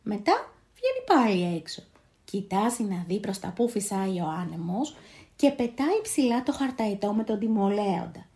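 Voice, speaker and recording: Woman reading a fairy tale out loud, expressive, mellow warm voice. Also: medium pitch. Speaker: storyteller. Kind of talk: scripted fairy-tale narration.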